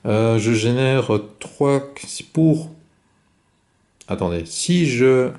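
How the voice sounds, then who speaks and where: A man calmly talking through his own board game turn, explaining each card and move step by step. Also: mid-range voice, creaky. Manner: calm, methodical, explains each move aloud. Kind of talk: solo board game playthrough commentary.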